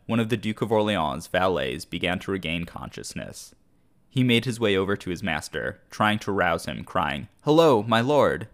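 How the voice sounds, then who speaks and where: A man hosting a history podcast, telling the story in a measured, scripted narration. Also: deep voice. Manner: measured storytelling, briefly acting out shouted quotes.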